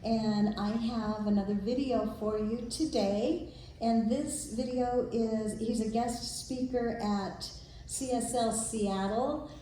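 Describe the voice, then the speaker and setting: Soft-spoken woman leading a service. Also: fairly high pitch, steady tone, takes it slowly, slight background noise. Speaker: service leader. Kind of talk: introducing a video at a service. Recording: echoey room.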